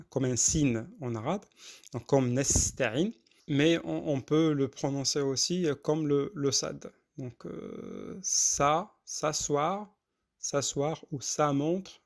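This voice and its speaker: A man teaching how to read and recite, explaining pronunciation patiently and repeating sounds slowly, with frequent hesitations. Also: mid-range voice, gravelly, darkish tone. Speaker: Quran reading teacher. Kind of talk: spoken lesson with recitation.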